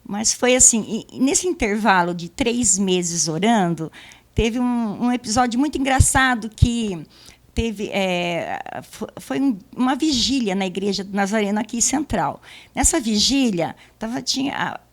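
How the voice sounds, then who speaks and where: A middle-aged woman giving a church testimony, telling her story in a casual, lively way and acting out the dialogue. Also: mid-range voice, unhurried.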